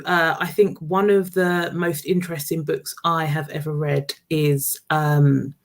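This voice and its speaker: A woman in her thirties, a senior student advisor, giving a friendly, casual self-introduction with many ums. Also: deep voice. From Jamaica and Nigeria.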